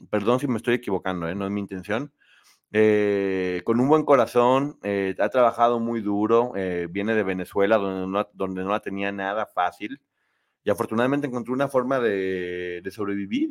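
A man hosts a casual live show, reading viewer comments aloud. He talks in a chatty, opinionated way, and his pitch swings up and down often.

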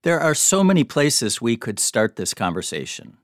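Male host, measured and polite, dry studio read. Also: medium pitch, sing-song, no room sound. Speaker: podcast host, editor. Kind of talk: scripted intro and interview questions.

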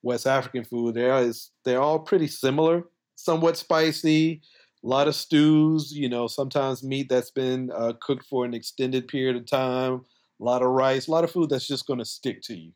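A man from talks as a podcast guest in a medium-pitched voice. His delivery is casual and colloquial, explaining as he goes with plenty of conversational filler. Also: steady tone, normal speed, darkish tone. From coastal South Carolina, US. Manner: conversational, colloquial, frequent "like" and "you know". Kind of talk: casual explanatory interview talk.

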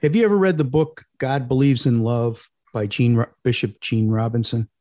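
A man's voice: medium pitch, steady tone, moderate pace, warm tone. A man talking casually as a panel guest, making his points in plain, simple, repeated phrases. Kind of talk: casual discussion.

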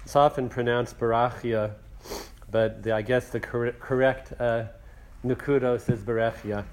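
A man's voice: mid-range voice, fairly even intonation, normal speed, a little mellow. A man teaching a religious text class, translating phrases and counting lines aloud for his students.

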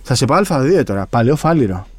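A man co-hosting a podcast, chatting casually and recalling things quickly, often cutting in to insist. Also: medium pitch, animated, husky, no room sound. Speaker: podcast co-host. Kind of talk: casual chat about basketball.

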